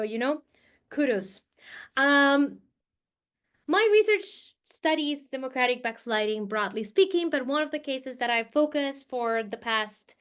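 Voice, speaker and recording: A Colombian political scientist with a high, clear and resonant voice lectures as a guest speaker, giving an academic presentation to teachers over a video call. She keeps it conversational, using fillers and repeating points for emphasis.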